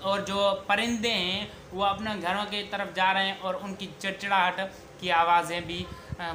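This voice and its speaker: Young male tutor with a bright voice, halting casual explanation, lapel mic in a small echoey room. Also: high voice. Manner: hesitant, many fillers and restarts. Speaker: literature tutor. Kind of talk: casual spoken summary of a poem. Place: small indoor room against a wall. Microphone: clip-on lapel mic. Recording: echoey room with faint hum.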